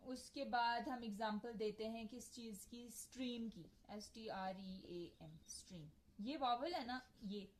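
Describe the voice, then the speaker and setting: Patient woman teacher, slow and high. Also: rough recording. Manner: patient explaining, checks understanding often. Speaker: English teacher. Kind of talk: classroom lecture mixing Hindi-Urdu and English.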